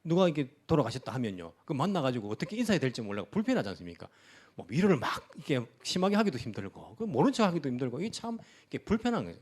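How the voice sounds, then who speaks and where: Lively fast-talking male pastor preaching. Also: mid-range voice, husky. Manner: animated preaching with many rhetorical questions to the congregation. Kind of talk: sermon. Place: church sanctuary.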